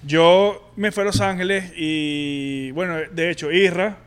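High-voiced Venezuelan man telling a story. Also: steady tone, a bit bright, clean tone. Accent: Venezuelan Spanish. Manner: candid, halting, full of slang and restarts. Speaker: podcast co-host. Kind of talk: casual personal storytelling.

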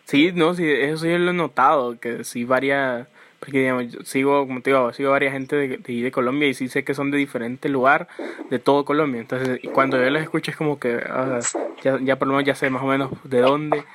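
A man of medium pitch interviews in a casual, chatty way, speaking. There is faint noise behind his voice. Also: steady tone, fairly quick, a bit bright. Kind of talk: casual chat.

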